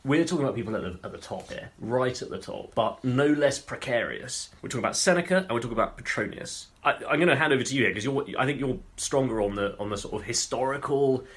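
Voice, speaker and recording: A man talks fast and casually as a podcast co-host. He is playful and chatty and sometimes slips into quoted voices. His pitch sits in the middle range. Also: a bit bright. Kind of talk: casual conversational chat.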